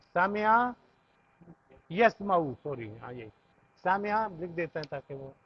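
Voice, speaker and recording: A man's voice: high-pitched, sing-song, unhurried, slightly rough. A man with an Urdu accent teaching Arabic grammar to a class, patiently reciting verb conjugations in lists and checking that students follow. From Pakistan. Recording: dull lo-fi classroom recording.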